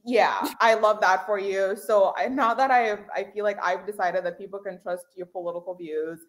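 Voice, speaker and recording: A woman's voice: mid-range voice, fairly even intonation, moderate pace. A woman hosting a comedy podcast, chatting casually and joking with a guest. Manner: joking, tangents, frequent laughs. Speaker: podcast host.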